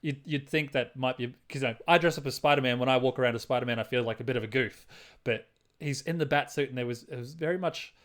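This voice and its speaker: Male podcast co-host, mid-pitched, casual, halting delivery with frequent restarts. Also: a bit bright. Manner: hesitant, many restarts, hums tunes aloud. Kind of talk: casual chat about a film.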